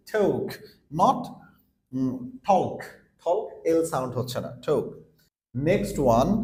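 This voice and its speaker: A man gives a pronunciation lesson, his fairly high voice rising and falling in a lively way. He explains step by step and says each example word several times. The room around him is echoey. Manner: explains step by step, repeats example words slowly. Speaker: English teacher.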